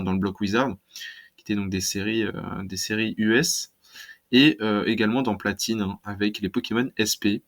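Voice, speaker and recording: Man, casual video talk, hesitant, fillers, lowish pitch. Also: fairly bright tone. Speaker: card collecting YouTuber.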